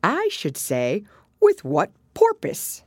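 A woman as the Mock Turtle, slow and ponderous. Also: mid-range voice, huge pitch swings, husky, dry recording, clean studio sound, pitched above the performer's own voice, heavily acted. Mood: pompous. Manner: slow, drawn-out, solemn. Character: ponderous, touchy, melancholy old male Mock Turtle.

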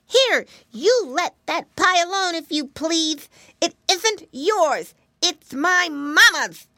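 A curious little boy piglet from a children's storybook, played by a woman reader. His voice sits high and chirpy above the narrating voice, bouncing up and down as he speaks. He talks earnestly, like a small child. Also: sing-song, measured pace, a bit bright, no echo, studio quality, full character voice. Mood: indignant.

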